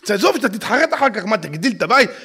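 A man voicing a pushy young male apartment salesman who badgers loudly and will not let go. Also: high-pitched, sing-song, breathy edge, voice pushed up, full character voice. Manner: insistent, badgering, loud.

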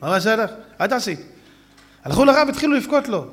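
Animated, high-voiced Hebrew preacher. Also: male voice, big-room sound. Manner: animated storyteller who acts out quotes, often shouting. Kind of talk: sermon with stories.

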